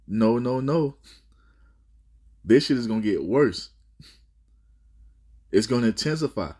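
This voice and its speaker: A man's voice: mid-range voice, animated, a little slow, warm tone. A man teaching scripture in a fiery style, stumbling and restarting, with repeated rhetorical questions.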